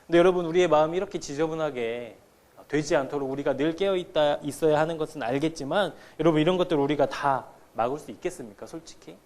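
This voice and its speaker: A man's voice: on the high side, quick pace, darkish tone. A man in his thirties, a pastor preaching a sermon in a conversational, storytelling way to his congregation. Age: 30s. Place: church sanctuary.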